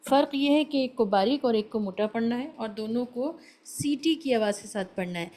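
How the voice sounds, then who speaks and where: A woman's voice: fairly high pitch, expressive, mellow, low-quality recording. A woman teaching a beginners' tajweed class, patiently explaining letter sounds and mixing in English terms. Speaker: Quran recitation teacher.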